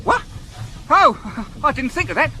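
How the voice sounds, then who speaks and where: A plain-spoken, anxious servant who whines a little but stays loyal. His pitch runs high and jumps about a lot, over faint noise in this radio drama. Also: sing-song, measured pace, exaggerated voice. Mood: bantering. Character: nervous, loyal male manservant, plain-spoken. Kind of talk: 1970s radio drama acting.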